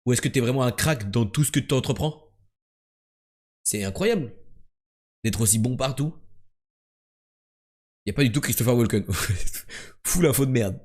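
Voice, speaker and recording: A young man streaming quiz games live, chatting casually and joking, jumping between loud bursts and low mumbles. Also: moderate pace, pauses often.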